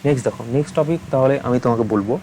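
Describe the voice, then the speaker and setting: A young male maths teacher delivers a recorded lesson in a soft, mellow, medium-pitched voice, though he speaks at a racing pace. He explains patiently and keeps checking whether the listener has understood. The audio is poor, with faint noise running underneath.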